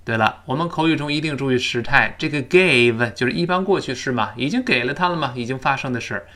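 A man teaching spoken English, explaining words and then drilling them slowly for learners to repeat. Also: mid-range voice, pushed and bright.

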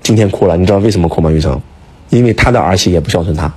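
A man's voice: low-pitched, rapid-fire, darkish tone, slightly rough. A man lecturing in a casual chat, emphatic and full of rhetorical questions, talking to his listener like a teacher. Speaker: speaker, teacher.

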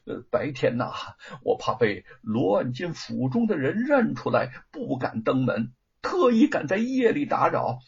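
A man's voice: mid-range voice, big pitch swings, creaky, husky, exaggerated voice. A man voicing a humble, reformed former thief who talks nervously and stumbles over fillers, in a storybook reading. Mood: eager, anxious. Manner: nervous, hurried, full of hesitant fillers. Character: humble reformed male ex-thief, grateful and anxious. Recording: dull lo-fi recording.

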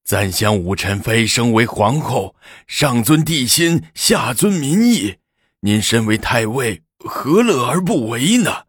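A man voicing a flattering elderly male court official who wheedles and grovels in a storytelling performance. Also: medium pitch, takes it slowly, breathy edge, no echo, clean studio sound, heavily acted. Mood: pleading.

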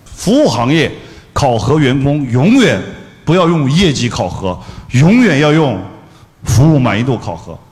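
Middle-aged man, business trainer, lively storytelling lecture, very expressive pitch, long hall echo. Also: moderate pace. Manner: animated storyteller acting out dialogue; blunt colloquial speech.

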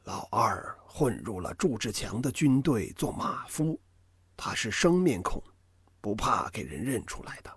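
A man whispering as an old hushed kung fu master. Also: lowish voice, big pitch swings, a little slow, slightly rough, no room sound, clean studio sound, full character voice. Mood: hushed urgent. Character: old male martial-arts master, calm, stern, secretive.

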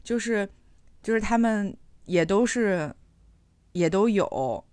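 A woman's voice: mid-range voice, animated, slow pace, darkish tone, no room sound. A woman co-hosting a podcast, talking in a chatty, reflective way with many fillers. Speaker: podcast co-host. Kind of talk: casual chat.

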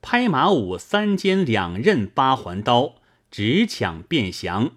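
Male audiobook narrator, slow pace, lively intonation, mid pitch. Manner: measured, expressive storytelling. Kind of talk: reading a classic novel aloud.

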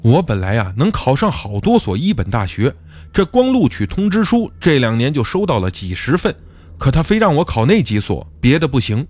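A man's voice: medium pitch, very animated, normal speed, darkish tone. A man voicing a desperate young male student under family pressure, pleading and worn out, in an audiobook.

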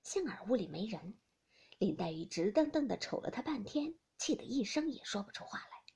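A woman reading a classic novel aloud, expressive, often dropping into a breathy whisper. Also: mid-range voice, normal speed. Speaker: audiobook reader.

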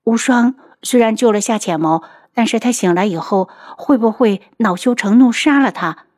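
A woman voicing a quick-tempered young pregnant princess who speaks high and urgently. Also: a little mellow, close to an everyday voice. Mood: worried.

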